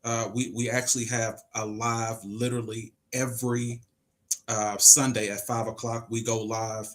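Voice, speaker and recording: A man's voice: medium pitch, level tone, moderate pace, a bit bright. A man in his forties hosting a casual livestream podcast, reading comments aloud and arguing his point with emphasis and rhetorical questions. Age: 40s. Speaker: podcast host.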